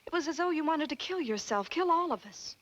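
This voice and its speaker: An actress playing an upset young Southern schoolteacher with a clipped, indignant manner, in a 1940s film. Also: female voice, high voice, lively intonation, brisk, muffled recording. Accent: American Southern. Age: young adult.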